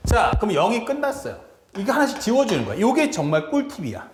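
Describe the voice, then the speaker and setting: A man teaching math in a lively lecture and acting out characters' lines as he explains. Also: high voice, fast. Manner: animated, acts out characters' lines in quotes. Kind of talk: lively lecture with acted-out family dialogue. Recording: echoey room with clear background noise.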